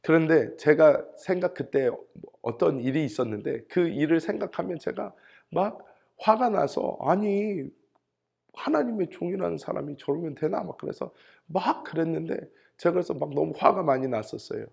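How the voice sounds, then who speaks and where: A middle-aged pastor delivers a sermon in a church, telling stories with energy. He acts out the voices of the people in his stories. His voice sits a little high, with a gravelly edge and wide swings in pitch. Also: moderate pace. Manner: animated storytelling, acting out quoted voices. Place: church sanctuary.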